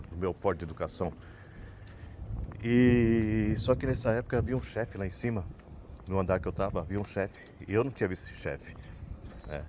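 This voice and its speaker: This is a vlogger from Brazil, a man with a Brazilian Portuguese accent, telling a personal story in a casual, rambling way and capping sentences with "né?". His voice is fairly low and somewhat dark in tone, with slight background noise.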